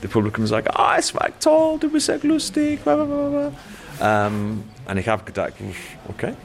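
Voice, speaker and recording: A British comedian whose first language is English, speaking halting German and often stopping to search for words. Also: male voice, medium pitch, wildly swooping pitch. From Britain. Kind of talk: interview.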